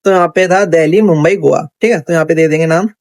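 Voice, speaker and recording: High-voiced man teaching coding casually. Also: fast talker, no room sound. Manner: chatty, thinks aloud, frequent "theek hai" check-ins. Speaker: coding instructor. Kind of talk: casual screen-recorded coding tutorial.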